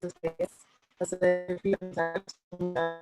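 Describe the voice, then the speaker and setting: A woman's voice: on the low side, little pitch movement, slow pace, over loud music. A woman student presenting her project on a video conference call whose audio keeps cutting out. She speaks hesitantly, with many ums. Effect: video conference call audio that cuts out. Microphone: computer mic on a video call.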